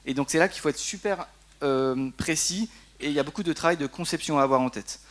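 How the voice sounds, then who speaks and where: A man's voice: on the high side, fast. A man, a deputy director, explaining energy policy on a conference panel, tagging his sentences with "hein". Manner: explanatory, frequent tag "hein", some fillers. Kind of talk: conference round-table presentation. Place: conference hall.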